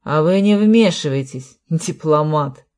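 A woman's voice: lowish voice, sing-song, measured pace, darkish tone. A woman voicing a harsh, commanding male officer. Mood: contemptuous. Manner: rude, commanding.

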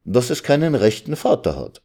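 Male reader doing a condescending country lawyer, raised voice, slow lecturing. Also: mid-range voice, big pitch swings, mellow, voice pushed up. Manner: lecturing, drawn-out. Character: know-it-all village lawyer, smug and lecturing.

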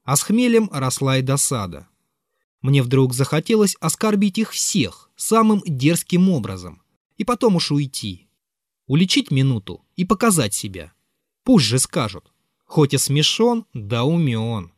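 Expressive man narrating a literary audiobook. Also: medium pitch, measured pace, no room sound, clean studio sound. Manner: expressive, bitter confessional tone. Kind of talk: dramatic literary reading.

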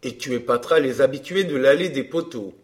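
A man reading a glib, self-assured gentleman in an audiobook dialogue, smooth and bantering. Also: medium pitch, brisk, lightly acted.

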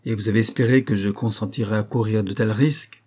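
A desperate young aristocrat, read by a man, pressing his case with rising heat. The voice sits low and dark, with a husky grain. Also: steady tone, quick pace. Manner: heated, insistent pleading. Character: proud cornered young nobleman, desperate.

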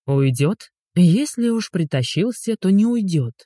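A reader voicing a sharp-tongued, fed-up young woman who snaps and mocks, in an audiobook. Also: medium pitch, expressive, unhurried, dry recording, studio quality, voice pushed up. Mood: snapping. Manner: sharp, snapping, sarcastic. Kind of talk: audiobook dialogue.

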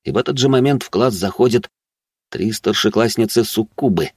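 Husky low-voiced male narrator. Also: brisk, darkish tone, no room sound, studio quality. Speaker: audiobook narrator. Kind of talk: first-person fantasy audiobook narration.

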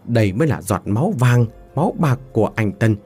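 A man's voice: mid-range voice, animated, brisk, a little mellow, breathy edge, soft background music. A man voicing a sneering, ruthless mistress. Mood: gloating. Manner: sneering, contemptuous. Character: scheming young mistress, gloating, ruthless.

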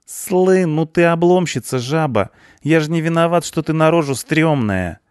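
A man's voice: animated, normal speed, clear, resonant tone, no echo, clean studio sound, lightly acted. A man voicing a brash, slangy young male punk in an audiobook. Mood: cocky. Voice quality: high, squeaky, slangy drawl. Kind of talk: audiobook character voice.

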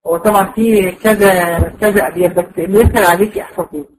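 A woman with an Egyptian accent giving a patient, explanatory recorded lecture to a class, drawing out example words slowly. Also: mid-range voice, fairly even intonation, a little mellow, low-quality recording. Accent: Egyptian Arabic. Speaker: teacher.

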